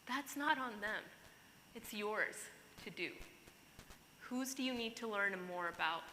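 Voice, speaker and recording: A woman's voice: medium pitch, animated, measured pace, bright, forceful tone. A woman from Pakistan, giving an earnest, emphatic keynote speech to a conference audience. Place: large conference hall. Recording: hall reverb, faint noise.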